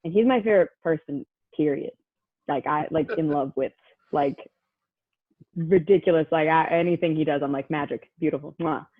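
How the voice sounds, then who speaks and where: A woman's voice: deep voice, moderate pace, long pauses, no room sound. A young woman telling a personal story in a chatty way, full of "like" fillers and acted-out quotes. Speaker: guest. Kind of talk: casual storytelling. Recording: tinny phone-like line, dry.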